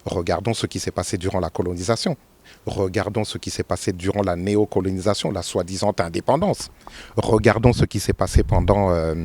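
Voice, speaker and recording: A man in his fifties from Congo, answering interview questions with many pauses and fillers, rising emphatically on key points. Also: sits low, a little mellow. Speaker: interview guest, politician.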